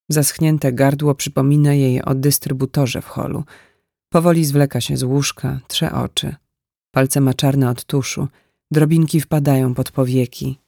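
Calm male story narrator, gravelly, dark and mellow tone. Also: a little high, no room sound, studio quality. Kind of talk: literary audiobook narration.

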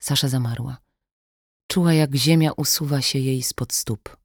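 An audiobook narrator giving measured, steady scripted narration of a thriller. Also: mid-range voice, no room sound, clean studio sound.

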